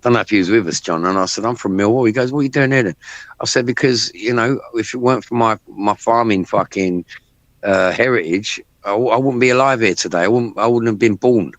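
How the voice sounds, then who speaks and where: A man's voice: lowish voice, brisk, dry recording. A man talking politics in a casual chat, blunt and full of swearing, often repeating himself. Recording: dry, dull lo-fi sound.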